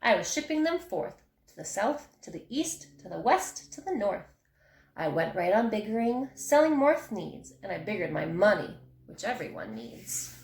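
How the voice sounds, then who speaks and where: Teacher lady reading a rhyming kids book, expressive, a bit gravelly, echoey room. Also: medium pitch, moderate pace, a little hiss or hum. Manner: expressive, rhythmic storytelling. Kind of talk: reading a picture book aloud.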